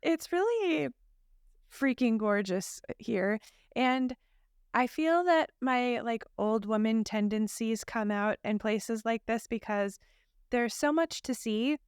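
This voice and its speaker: A woman's voice: a little high, expressive, slow, clear, resonant tone, dry recording, studio quality. A woman co-hosting a podcast, telling stories in a chatty, laughing way with lots of fillers. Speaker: podcast co-host. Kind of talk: casual podcast chat. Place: abroad in a hotel room or similar.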